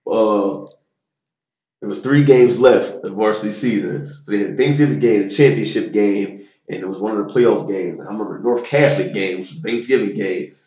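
A man in his thirties telling stories about his high school football days in a loose, slangy way with lots of fillers. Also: brisk, a little mellow, echoey room, dull audio. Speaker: interview guest, former football player. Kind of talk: casual storytelling interview.

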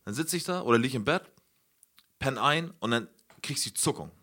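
A man's voice: mid-range voice, expressive, a little fast, bright, forceful tone. A young man hosting a podcast, telling a story to friends in a casual, slangy way and swearing freely. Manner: slangy, swears a lot, keeps saying "Alter" and "Digga". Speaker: podcast host.

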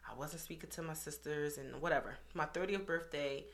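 A woman in her thirties speaks candidly in a casual interview, her voice sitting a little low. She tells her story in a loose, conversational way and slips into the voices of other people as she recalls them. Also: a little fast. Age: 30s. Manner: candid, animated, acts out quoted voices. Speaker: guest.

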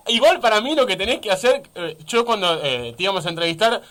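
An Argentine man with a Rioplatense accent hosts a radio interview. His voice is high and bright, and his speech swings lively up and down as he chats eagerly and keeps agreeing with his guest. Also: quick pace, slight background noise. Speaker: radio host.

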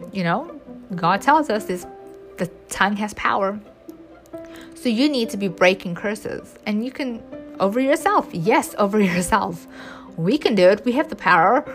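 A woman giving an earnest, chatty devotional talk to her viewers, with bursts of excitement and many restarts. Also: mid-range voice. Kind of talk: casual devotional talk to camera.

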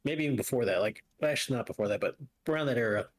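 A podcast co-host with a mid-range voice races through casual, rambling chat, bantering with the live chat, teasing and drifting into asides.

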